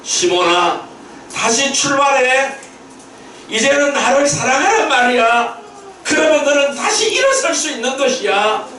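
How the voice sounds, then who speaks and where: Gentle forgiving lord, put on by a preacher, soft slow inviting, high voice booming in an echoey church. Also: male voice, expressive, a little hiss or hum, exaggerated voice. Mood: earnest questioning. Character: gentle, forgiving Lord calling a failed disciple. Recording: very echoey hall, mic at a distance.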